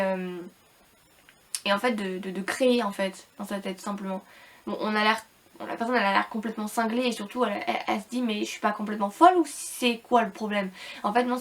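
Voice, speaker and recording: A woman giving a casual, rambling book review to viewers, hesitant and repetitive, with informal slangy wording and slightly robotic, unclear speech because she is ill. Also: mid-range voice. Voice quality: slightly robotic, hard-to-understand speech from illness.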